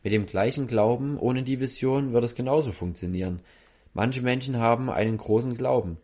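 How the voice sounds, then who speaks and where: A man preaching at a healing service, earnestly questioning the person before him in short halting phrases. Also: medium pitch, mellow. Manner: earnest, questioning the listener directly.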